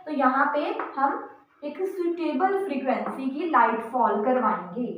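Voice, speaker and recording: A woman's voice: sits high, roomy sound, low-quality recording. A woman with an Indian accent teaching a physics lesson, explaining in Hindi mixed with English terms and answering her own questions. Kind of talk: classroom lecture.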